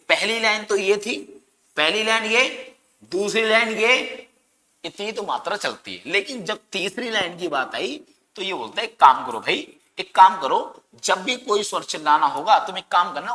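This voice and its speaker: Bright high-voiced man teaching a grammar lesson. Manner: asks students questions and answers them himself; dramatic, stretches words for emphasis. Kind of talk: exam-prep grammar lesson. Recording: long echoing reverb.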